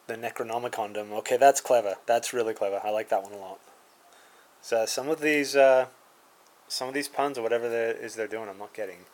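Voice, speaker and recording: A man's voice: mid-range voice, steady tone, fairly quick, a little mellow, slight background noise, rough recording. A man casually reviewing a card game, reading card names aloud with dry asides and chuckles.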